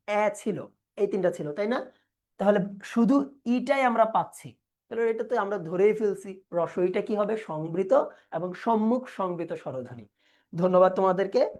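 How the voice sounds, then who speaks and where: A woman's voice: mid-range voice, a little mellow. A young adult woman, teaching a live online class and asking questions that she then answers herself.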